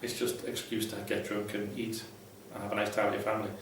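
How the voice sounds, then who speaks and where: A vlogger who hosts advice as an ex-Jehovah's Witness gives viewers blunt, irreverent, sweary tips in a casual, unscripted way. His lowish voice is monotone and quick, recorded with a distant mic in a very echoey room with faint noise.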